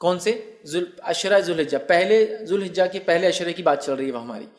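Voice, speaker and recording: A man delivers a religious lecture in a somewhat high voice. He walks his listeners through the points one by one, reciting Arabic phrases and asking them questions. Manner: explains step by step, recites Arabic phrases, asks rhetorical questions. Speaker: Islamic preacher.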